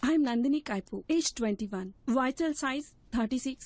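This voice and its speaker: A woman's voice: high-pitched, lively intonation, very slow, darkish tone, full character voice. A woman dubbing a self-assured young female candidate who recites her answers in English. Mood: reciting. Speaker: job candidate in a film scene. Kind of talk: dubbed comic film dialogue.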